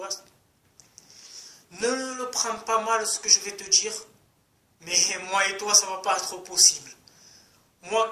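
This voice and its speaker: A man rambles crudely to his viewers, circling back to the same complaints again and again. His voice is bright and pushed forward. The recording is roomy and echoing. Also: high voice. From France. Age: 30s. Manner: rambling, crude, repeats himself. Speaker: vlogger. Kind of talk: casual rant to camera. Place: outdoors in sunny street.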